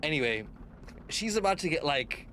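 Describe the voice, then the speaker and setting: A man's voice: a little high, big pitch swings, moderate pace, pushed and bright, slight background noise. A young man streaming a game, chatting casually with viewers and swearing a lot. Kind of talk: casual live-stream chat.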